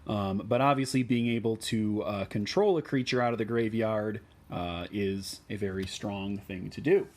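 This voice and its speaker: A man with a Midwestern American accent explains card choices for a deck in a relaxed way, with many ums and uhs. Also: fairly low pitch, normal speed, few pauses. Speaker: deck tech host.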